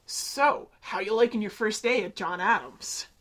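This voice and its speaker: A woman's voice: mid-range voice, measured pace, a bit bright. A woman reading lines in a script table read, with a playful, comic delivery. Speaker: reader of a part.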